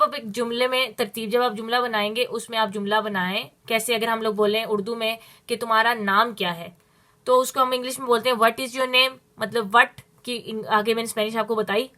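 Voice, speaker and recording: Woman, bright voice, fairly high, patient step-by-step language lesson. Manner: explains step by step with slow, drawn-out Spanish examples. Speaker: Spanish teacher.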